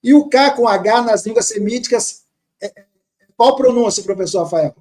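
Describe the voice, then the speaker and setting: A man teaching grammar, reading words slowly from a text and repeating them patiently. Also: sits high, a little mellow. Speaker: teacher of Syriac Aramaic.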